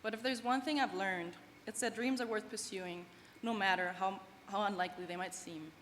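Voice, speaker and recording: At a graduation ceremony in a large event hall, a German woman in her twenties, a non-native English speaker, gives an earnest, heartfelt prepared student speech. Her medium-pitched voice is a bit bright, with a steady tone and moderate pace. The recording has long hall reverb and faint background noise.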